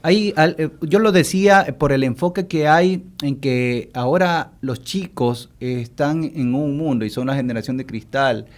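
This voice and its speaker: Male co-host, rambling questions, mid-pitched, lots of restarts. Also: moderate pace, hardly any pauses. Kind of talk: radio talk show discussion.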